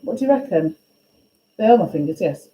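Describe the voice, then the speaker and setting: A woman teaching a music class, questioning and encouraging her students in a brisk way. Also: fairly low pitch, animated, background noise. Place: school classroom. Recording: echoey classroom, faint ambience.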